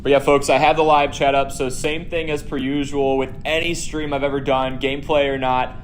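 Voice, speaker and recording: A man's voice: mid-range voice, little pitch movement, fairly quick, slight background noise. Man streaming with an echoey room sound. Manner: chatty, reads out and answers viewer comments. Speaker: live-stream host. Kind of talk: casual live-stream chat while gaming. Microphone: no headphones, audio through device.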